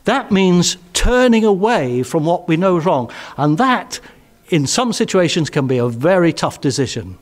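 An older man with an English accent preaching a sermon in a church hall on a headset mic, earnest and emphatic, often dropping to soft, quiet phrases. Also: a little high.

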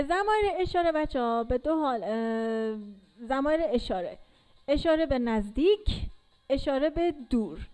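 A woman's voice: high voice, a little mellow, poor audio. A woman teaching English to learners in a casual classroom style, patiently repeating and drilling sounds.

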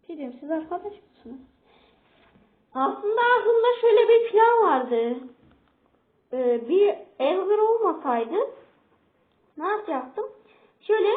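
A woman giving casual, excitable commentary while playing a game and talking back to opponents on screen. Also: extremely high pitch. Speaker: gameplay streamer. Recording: tinny phone-like audio.

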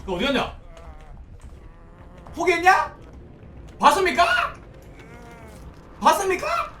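A young man streaming a horror game, commenting excitedly, swearing often and pleading loudly with his teammates. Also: extremely high pitch, slow. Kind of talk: live gameplay commentary. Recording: roomy, distant mic, faint background noise.

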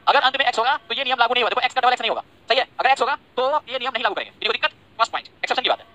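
A man races through an online grammar lesson at a breakneck pace. His voice is bright and forceful. He keeps repeating points and checking that his students follow, and he drops in teasing, chatty asides. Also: very high-pitched, expressive, very fast, highs cut off. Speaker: English grammar teacher.

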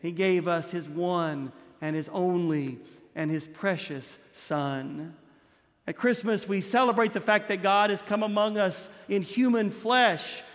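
High-voiced man preaching in a reverberant church. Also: unhurried. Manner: impassioned preaching, drops low and soft on key words; gestures broadly while standing at a lectern. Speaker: priest. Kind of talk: Christmas Eve homily. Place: large stone church, indoors.

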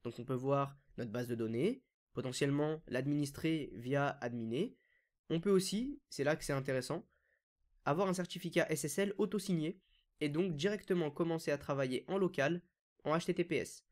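A man hosting a screen-recorded software tutorial, explaining each step casually with frequent fillers. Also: a little high, normal speed. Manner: casual, step-by-step, many "donc" and "euh" fillers. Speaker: WordPress consultant and YouTube tutorial host.

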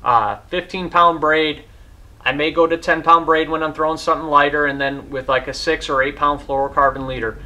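Speaking briskly in a fairly high, sharp, steady voice, a man in his thirties hosts a fishing channel. He reviews gear in a relaxed way from a garage filled with a boat and rods, clearly enthusiastic as he handles things.

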